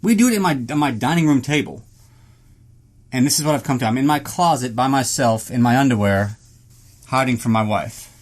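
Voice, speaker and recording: A man's voice: medium pitch, fairly quick. A man hosting a solo podcast in casual, rambling chat, self-deprecating, joking and prone to swearing, recorded inside a small closet.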